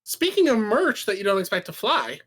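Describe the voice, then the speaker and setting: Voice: medium pitch, sing-song, brisk, fairly bright tone, slightly rough. A podcast co-host trading wry jokes in casual chat. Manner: jokey, wry quips.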